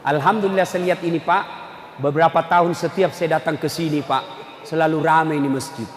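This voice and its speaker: Male preacher, high voice, murmurs then shouts, joking asides, long echo in a mosque hall. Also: steady tone, brisk. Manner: swings between low murmurs and loud shouts, joking asides to the crowd. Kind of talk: lively mosque sermon. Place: large echoing mosque hall. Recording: echoey hall, faint background noise.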